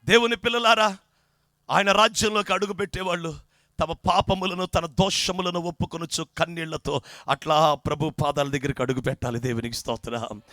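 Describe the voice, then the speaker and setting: A man preaching a fervent sermon as pastor, with a repetitive chanting cadence and rising shouts. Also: on the high side, steady tone, fairly quick, no room sound, clean studio sound.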